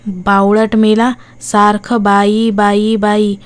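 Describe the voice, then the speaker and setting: A woman's voice: medium pitch, little pitch movement, slow, clear, resonant tone, natural voice. A woman voicing a vengeful, half-burnt female ghost who taunts and scolds her victim in a horror audiobook. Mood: spiteful taunting.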